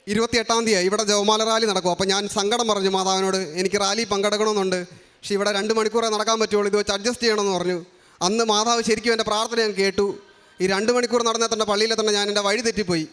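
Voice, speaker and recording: A man's voice: high-pitched, fairly bright tone. A young man from Kerala giving an earnest personal faith testimony, framing each remark as a quote. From Kerala, India. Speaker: testimony giver at a shrine.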